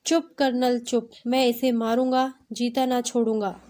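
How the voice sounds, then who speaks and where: A woman's voice: fairly high pitch, level tone, unhurried, dark tone, close to an everyday voice. A woman reading the lines of a fierce, grieving young man in a storybook tale. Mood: furious.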